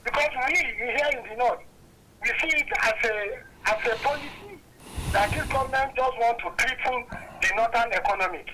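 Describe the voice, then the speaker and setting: A Nigerian man calling in to a talk show over a clipped phone line, talking earnestly and haltingly and often repeating himself. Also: extremely high pitch, background noise. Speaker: caller. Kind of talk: call-in comment on a talk show.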